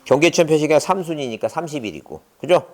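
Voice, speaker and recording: A man's voice: a little high, quick pace. A middle-aged man giving an exam-prep lecture, constantly quizzing his students with rhetorical questions and drilling memory tricks. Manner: mnemonic chanting, lively delivery.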